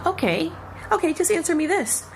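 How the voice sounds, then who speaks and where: A woman's voice: very high-pitched, sing-song, normal speed, a little hiss or hum. A woman in her thirties, a longtime server, ranting angrily and profanely about her work in a vlog. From Florida. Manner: heated, profane, sarcastic rant. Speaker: former restaurant server and content creator. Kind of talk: angry rant vlog.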